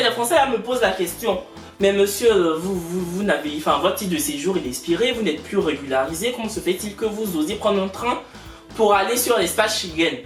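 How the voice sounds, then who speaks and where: A young woman telling a funny story with animated, acted-out dialogue. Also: medium pitch, recorded from a distance. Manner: lively, acts out dialogue, laughs mid-story. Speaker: vlogger. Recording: roomy echo, off-mic, faint music.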